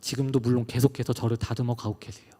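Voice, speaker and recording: A man's voice: mid-range voice, level tone, fast, warm tone, breathy edge, big-room sound. A middle-aged male pastor giving an emotional testimony sermon, his delivery rising and falling.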